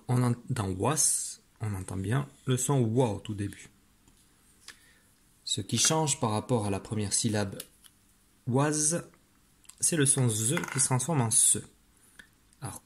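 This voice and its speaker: Slow, husky man teaching spelling. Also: medium pitch. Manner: slow, patient, sounding out syllables. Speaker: primary school teacher. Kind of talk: spelling dictation lesson.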